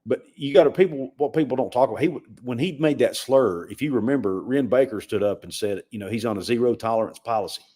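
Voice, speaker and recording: A man's voice: mid-range voice, fast talker, few pauses, dark tone. A man co-hosting a sports livestream, talking casually and often repeating words as he makes a point. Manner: conversational, repeats words when emphatic. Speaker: sports podcast co-host.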